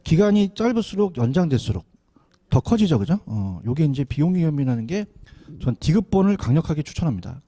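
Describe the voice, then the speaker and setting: A man giving an exam prep lecture, animated, often asking students to repeat after him. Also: fairly high pitch, brisk. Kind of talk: classroom lecture.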